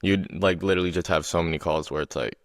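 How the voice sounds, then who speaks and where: Deep-voiced laid-back young podcast host. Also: male voice, fast, no room sound, studio quality. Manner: laid-back, says "you know what I mean" often. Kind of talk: casual conversational interview.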